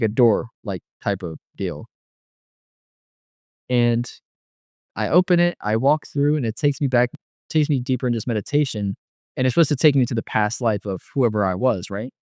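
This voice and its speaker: A man's voice: mid-range voice, lively intonation, brisk, a little mellow, no echo, studio quality. A young man casually recounting a personal testimony, rambling with lots of filler words. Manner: rambling, filler-heavy storytelling full of "like". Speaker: guest telling a near-death testimony.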